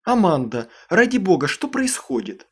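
A man's voice: medium pitch, animated, unhurried, close to an everyday voice. A man reading an audiobook, voicing a middle-aged mother who speaks breathlessly in alarm. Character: startled worried mother, middle-aged woman.

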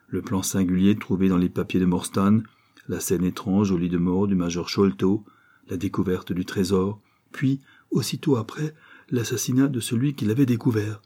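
A man narrating a classic novel as an audiobook, reading in a measured, descriptive way. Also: sits low, mellow, husky. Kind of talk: scripted literary narration.

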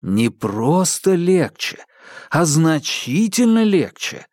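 A man playing a calm, ironic young male detective with a dry, teasing, unhurried manner in an audiobook. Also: on the high side, no echo, pitched above the performer's own voice. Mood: wry.

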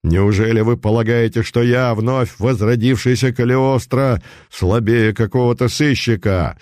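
A man's voice: mid-range voice, unhurried, a little mellow, no echo, studio quality, close to an everyday voice. A man voicing a domineering male occult charlatan who speaks in a commanding, mocking tone in a storybook reading. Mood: thundering. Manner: commanding, mocking, at times thundering.

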